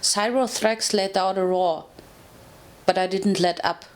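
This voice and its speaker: A woman reading a first-person fan story aloud, steady and narrative, with occasional self-corrections. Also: mid-range voice, measured pace. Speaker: fanfiction reader.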